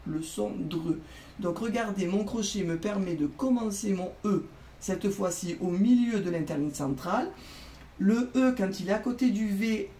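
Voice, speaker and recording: A teacher explains a handwriting lesson to children step by step, in a clear and patient voice with a gravelly edge. The mic sits some way off in an echoey room. A faint hum of room noise runs underneath. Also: mid-range voice, mellow, recorded from a distance.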